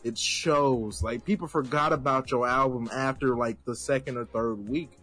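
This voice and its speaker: A man's voice: medium pitch, normal speed, a bit bright, faint music behind. A young man co-hosting a casual podcast, ranting bluntly and repeating his points for emphasis. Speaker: podcast co-host. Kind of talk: casual opinionated chat.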